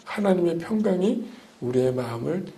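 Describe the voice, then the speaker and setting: A middle-aged man preaching a sermon as a pastor, often putting questions to the congregation and moving between loud emphatic lines and hushed ones. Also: fairly high pitch, expressive, moderate pace.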